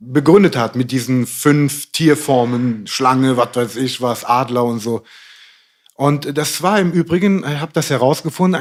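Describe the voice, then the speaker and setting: A middle-aged man talking through ideas in a casual podcast discussion, rambling and hesitant, with many fillers. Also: mid-range voice. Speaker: podcast guest.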